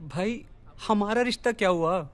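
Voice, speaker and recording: A man's voice: high voice, normal speed, natural voice. An actor playing a jilted young man who keeps asking a friend prying questions over drinks. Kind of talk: film dialogue. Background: film score.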